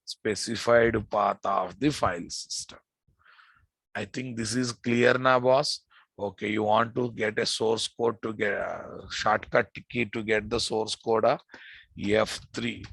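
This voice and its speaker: A man's voice: fairly low pitch, steady tone, slow, vocal fry, a bit bright, slightly rough, no room sound, poor audio. A man with a Telugu Indian accent giving an informal technical lecture as an instructor, repeating phrases and often quizzing his listeners. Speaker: programming instructor teaching a live class.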